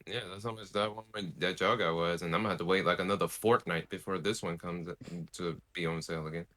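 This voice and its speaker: A man co-hosting a casual gaming podcast, animated and jokey, swearing freely. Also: sits low, fast. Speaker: podcast co-host. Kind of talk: casual chat.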